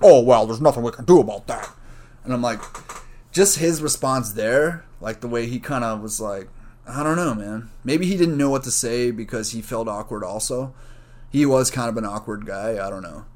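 A man's voice: medium pitch, moderate pace. A man, a college student, telling a story in a casual, rambling, profane way, full of "like" and "you know". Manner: rambling, profane, self-correcting; frequent fillers like "like" and "you know".

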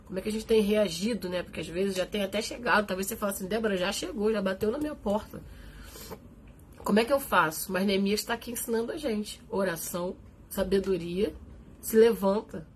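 Brazilian woman preacher, mid pitch, earnest and encouraging, faint hiss behind her. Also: fairly quick. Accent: Brazilian Portuguese. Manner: earnest, encouraging, acts out quoted voices. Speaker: worship minister preaching. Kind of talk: live-streamed sermon.

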